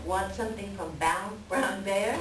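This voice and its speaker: A woman's voice: medium pitch, measured pace, natural voice. A woman playing a crafty, scolding, teasing raven with pointed, theatrical delivery in a readers theater animal tale. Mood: wary bargaining. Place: library readers theater performance. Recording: roomy, distant mic, faint background hiss.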